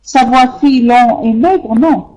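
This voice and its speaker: Slow, mellow-voiced French teacher. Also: medium pitch, low-quality recording. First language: Arabic. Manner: slow and hesitant, many fillers, repeats corrections patiently. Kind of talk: live online language class, correcting students' sentences. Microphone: computer microphone in an online class.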